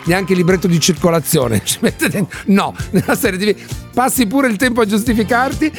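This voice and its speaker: A man's voice: sits high, fairly quick, faint music behind. A man presenting live radio as a chatty, playful Italian quiz host.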